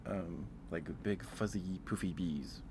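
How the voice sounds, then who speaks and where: This low-voiced male streamer chats in a relaxed ASMR livestream manner, working through his thoughts with pauses and hedges. Ambient noise is clearly present in the background.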